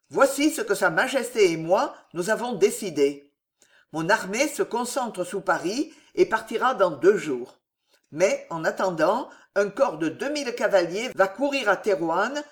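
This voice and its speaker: A stern old commander of armies, slow and heavy in his orders, voiced by an audiobook reader. His fury swells into thunder when he is defied. He speaks in a storybook reading, at a measured pace. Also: medium pitch, lightly acted. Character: old stern male army commander, wrathful.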